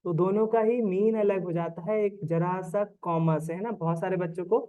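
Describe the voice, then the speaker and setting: A man teaching an online class in a slightly high voice. He explains in a relaxed, conversational way and keeps checking that his students follow. The recording sounds dull and lo-fi. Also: normal speed.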